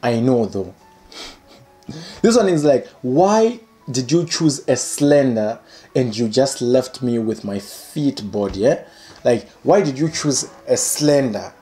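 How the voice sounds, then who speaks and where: A young man in his twenties hosting his own channel, reading comments aloud and joking about them in a playful, animated way, recorded indoors by a window. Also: mid-range voice, slow pace, soft background music. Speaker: channel host. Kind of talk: casual comedic commentary. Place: indoor room by a curtained window.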